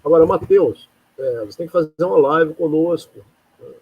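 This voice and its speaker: A fairly high-pitched, slightly rough male voice comes through a muffled recording at a moderate pace. The speaker, from Rio de Janeiro, Brazil, gives a rambling, informal live lecture sprinkled with rhetorical questions.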